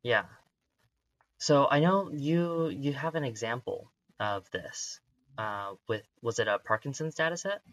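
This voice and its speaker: A man's voice: mid-range voice, expressive, measured pace, fairly bright tone, no room sound, low-quality recording. A man hosting a podcast interview, asking curious, upbeat questions with frequent hesitations. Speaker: podcast host. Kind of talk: casual interview chat.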